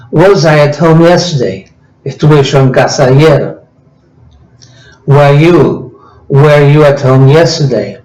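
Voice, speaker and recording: Male language teacher, native Spanish speaker, unhurried and patient, in an echoey room. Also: mid-range voice, a little mellow. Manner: slow, patient explaining, switching between two languages. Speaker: English teacher. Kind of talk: spoken grammar lesson.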